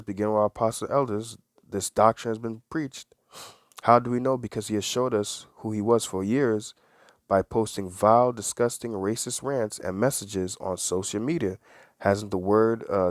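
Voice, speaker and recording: A man's voice: fairly low pitch, no room sound, clean studio sound. A man giving preachy religious commentary, reading aloud and stressing words, repeating phrases and asking rhetorical questions.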